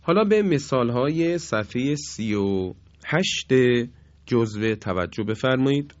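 A man teaching a Quran recitation lesson, drawing out each example word slowly in chant between plain explanations. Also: mid-range voice, lively intonation, dry recording, lo-fi sound. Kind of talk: recorded tajweed lesson.

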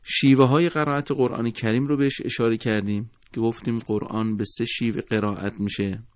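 A man teaching a recorded lesson on Quran recitation, speaking in a formal, courteous and measured way. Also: mid-range voice, steady tone, no room sound.

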